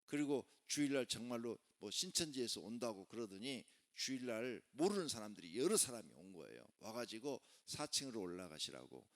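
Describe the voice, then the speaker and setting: A male pastor preaching a sermon, emphatic and conversational, often putting rhetorical questions to the congregation. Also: lowish voice. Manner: conversational asides mixed with proclamation. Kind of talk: sermon at a Friday worship service.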